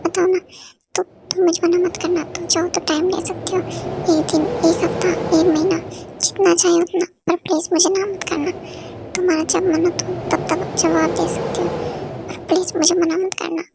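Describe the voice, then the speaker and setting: A woman's voice: very high-pitched, level tone, moderate pace, gravelly, heavy background noise. A woman voicing a heartbroken young man who pleads with his partner, in a fan-dubbed drama. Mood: pleading.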